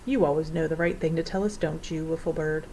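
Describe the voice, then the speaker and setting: A woman voicing an earnest young boy in a storybook reading, speaking softly and gently. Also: low voice, fairly even intonation, fairly quick, slight background noise. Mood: gentle.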